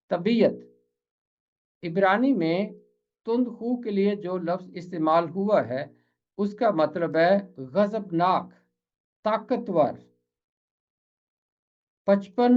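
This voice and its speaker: Man, Urdu accent, pronunciation teacher, measured delivery, slow, dull recording. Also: sits high. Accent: Pakistani Urdu. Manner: careful, deliberate, repeats words to model pronunciation. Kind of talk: slow explanatory lesson.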